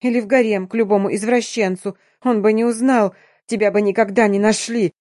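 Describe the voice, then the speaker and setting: A woman voicing a scheming, jealous middle-aged stepmother who turns shrill, tearful and defiant, in a dry audiobook reading. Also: fairly even intonation, fairly quick, darkish tone, no echo, lightly acted. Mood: sobbing confession. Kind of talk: audiobook character voice.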